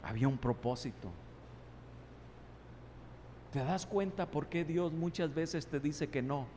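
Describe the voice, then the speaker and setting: A male pastor delivers an impassioned sermon in a fairly high, mellow voice at a measured pace, posing many rhetorical questions and voicing God's answers. The recording has a long large-hall reverb, faint ambience, and a little hiss or hum.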